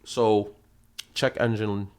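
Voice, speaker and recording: A man's voice: fairly low pitch, fairly even intonation, slow, darkish tone. A man in his thirties co-hosting a podcast, telling a story in casual, profane chat and laughing as he goes. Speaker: podcast host.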